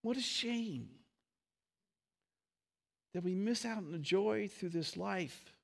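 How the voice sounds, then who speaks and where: A man's voice: high-pitched, animated, takes it slowly, creaky. A man preaching as pastor to a congregation, teaching a sung verse and leading prayer. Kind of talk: sermon.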